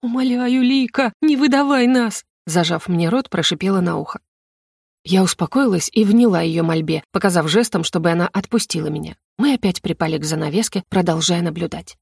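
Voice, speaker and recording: A woman reading a fantasy novel aloud in the first person, with lively expression. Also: lowish voice, a little fast, creaky, husky, no echo, studio quality. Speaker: audiobook narrator. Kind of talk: first-person audiobook narration.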